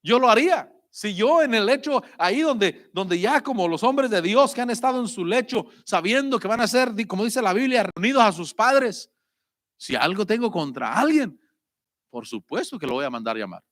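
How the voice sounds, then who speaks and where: Animated high-voiced man preaching. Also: moderate pace. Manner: preaching with rising emphasis, acting out short prayers. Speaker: pastor. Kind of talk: sermon.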